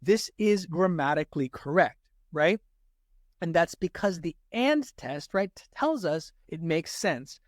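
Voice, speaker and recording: A man's voice: on the high side, animated, unhurried, no echo, clean studio sound. A man teaching an SAT grammar lesson, talking straight to his viewers and checking in with them constantly. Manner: talks straight to viewers with frequent "right?" checks. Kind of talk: explaining grammar to students.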